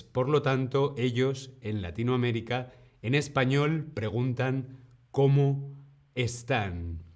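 A man from Spain with a Spanish accent, teaching a live-streamed language lesson. He greets viewers eagerly, then explains patiently and repeats his examples. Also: mid-range voice.

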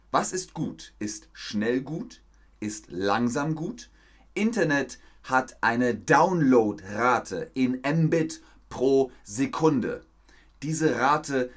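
A man teaching a live-streamed language lesson, repeating words slowly and praising his viewers. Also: medium pitch. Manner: slow, repetitive, encouraging teacher talk. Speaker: German teacher.

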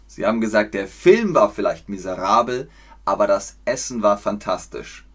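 A man from Germany teaching German on a livestream, explaining slowly, clearly and patiently. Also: fairly low pitch, expressive, a bit bright. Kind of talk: livestream language lesson.

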